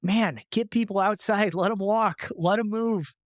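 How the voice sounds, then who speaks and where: A man's voice: sits high, a little slow, no room sound, studio quality. A man guest in a casual podcast interview, talking loosely with lots of filler words and easy laughs.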